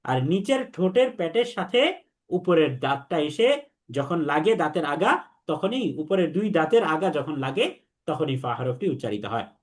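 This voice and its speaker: A young man teaching Arabic letter pronunciation, repeating sounds slowly for students to echo back. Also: fairly high pitch, sing-song. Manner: slow, repetitive drilling, has students repeat after him. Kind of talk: online lesson on Arabic letters.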